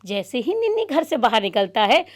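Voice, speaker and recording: A woman narrating a children's story expressively, pausing to explain words. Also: a little high, very animated. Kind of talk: storytelling demonstration for teachers.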